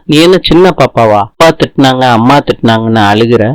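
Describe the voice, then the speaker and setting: A man's voice: mid-range voice, fairly quick, no echo, close to an everyday voice, rough recording. A man reading the lines of a protective, teasing young husband, in his own plain voice. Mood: consoling.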